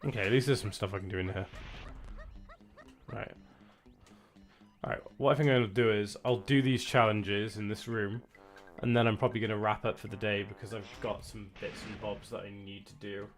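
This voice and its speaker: A man's voice: on the low side, fairly even intonation, fairly quick, soft background music. A man from Wales with a Welsh accent, chatting casually while streaming a video game and answering viewers. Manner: chatty, reads out viewer chat. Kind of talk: casual gameplay commentary.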